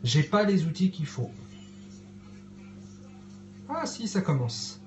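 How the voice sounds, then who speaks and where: A man's voice: on the high side, sing-song, slow pace, highs cut off, slight background noise. A man hosting a casual cooking live stream in his cluttered kitchen at home, hesitating often with fillers as he chats with viewers. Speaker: livestream host cooking. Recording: echoey home room.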